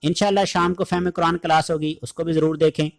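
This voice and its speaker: High-voiced man teaching recitation. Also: level tone. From Pakistan. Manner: explains letter sounds, then recites drawn out in melodic chant. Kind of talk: online lesson with slow chanted recitation.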